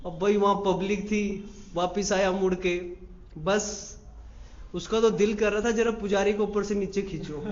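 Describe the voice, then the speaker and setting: A man, a monk preacher, giving a devotional sermon with animated storytelling and acted-out quotes. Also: high-pitched, a little slow. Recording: roomy, slightly dull recording.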